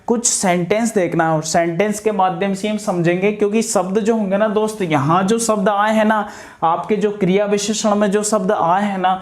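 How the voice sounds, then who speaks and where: A man teaching a grammar lesson for exam preparation, asking questions and answering them himself, drawing out key terms slowly and addressing viewers as friends. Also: sits high, steady tone.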